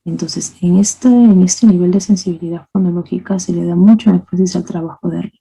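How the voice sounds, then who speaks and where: A woman lectures teachers in a calm, explanatory way, often closing her points with "¿ok?". Her voice is very dark and mellow, with a gravelly, somewhat husky edge. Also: fairly low pitch, brisk, low-quality recording. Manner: explanatory, asks rhetorical questions, says "¿ok?" and "¿no?" often. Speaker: teacher trainer. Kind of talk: methodology lecture.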